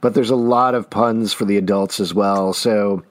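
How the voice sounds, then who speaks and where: A man's voice: on the low side, fairly even intonation, moderate pace. A middle-aged man hosting a show, reading out audience questions and chatting casually. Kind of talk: casual chat.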